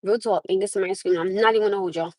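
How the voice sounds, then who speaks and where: Rapid-fire and warm, this medium-pitched, steady-toned woman hosts a casual livestream from her parked car on her phone. The American laughs often and calls viewers "my love," with no room sound in the recording.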